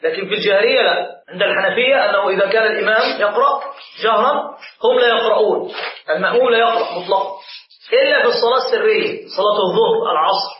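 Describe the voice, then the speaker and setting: A high-pitched man, teaching a class as a sheikh and talking quickly. He explains points and demonstrates how letters are pronounced. The recording is dull and lo-fi, in an echoey room. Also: a little hiss or hum. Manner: animated teacher, demonstrates pronunciation slowly, answers questions. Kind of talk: religious lesson to a live class.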